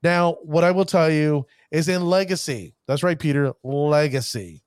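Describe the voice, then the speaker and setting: A fairly high-voiced man runs a casual card-game show as a podcast host, pumping up his shout-outs with showman phrases in hype-filled chatter. He stumbles over names and pushes on at a moderate pace, his voice smooth, with the recording dry and close with no room sound or echo.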